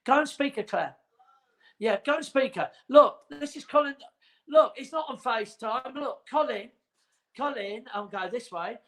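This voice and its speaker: A man's voice: extremely high pitch, expressive, normal speed, a bit bright. A man in his forties hosting a casual livestream chat from home, rambling and teasing. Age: 40s. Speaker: host.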